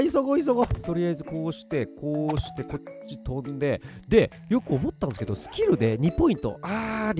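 A man giving lively gameplay commentary, talking to himself and yelping when things go wrong. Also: sits high. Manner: excited, talks to himself while playing, frantic yelps. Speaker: game streamer.

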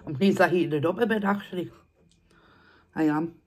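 A woman's voice: fairly low pitch, normal speed. A young woman, chatting casually while eating on camera and repeating herself as she rambles. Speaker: food vlogger. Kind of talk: casual mukbang chat.

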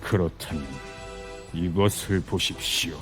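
An actor playing a composed, persuasive otherworldly envoy in a video game, speaking formally and gravely. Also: male voice, sits low, steady tone, a little slow, over music. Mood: solemn, persuasive. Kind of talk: dramatic game voice acting.

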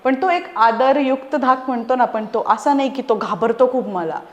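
A woman's voice: on the high side, moderate pace, highs cut off. A woman, a guest parent talking earnestly and with animation in a casual conversation. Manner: earnest, animated, explaining with examples. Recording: echoey room.

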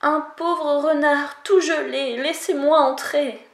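Femme qui joue un renard sournois, ton mielleux, voix assez haute. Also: female voice, high-pitched, fairly even intonation, slow, reverberant, pitched above the performer's own voice. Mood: wheedling. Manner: honeyed, coaxing. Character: sly, sweet-talking male fox.

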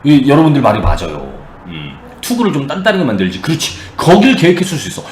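A man casually retelling a Bible story to a live chat, animated and slipping into character voices. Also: mid-range voice, quick pace, reverberant, a little hiss or hum.

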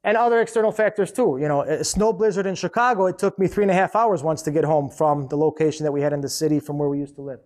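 A man's voice: fairly high pitch, quick pace, few pauses, a little mellow. A middle-aged man, a restaurant owner, giving a conversational seminar talk, direct and emphatic, often repeating words for stress. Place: conference hall.

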